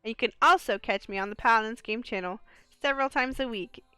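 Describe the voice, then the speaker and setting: A woman doing excitable gameplay commentary as a video creator. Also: on the high side, fast, smooth, dry recording. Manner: excitable, exclaims during play.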